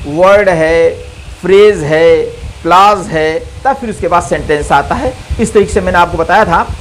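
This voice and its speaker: A male English teacher gives a recorded grammar lesson in a high voice, speaking slowly, repeating key terms, and posing questions he then answers himself. The audio is poor, with a little hiss or hum.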